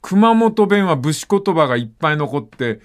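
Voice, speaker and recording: An older man hosts a casual radio chat, reading out listener letters. His voice sits a little high and swoops around a lot. He keeps breaking into acted-out snippets of speech as he tells his stories. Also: normal speed. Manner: animated storytelling, acts out dialect phrases.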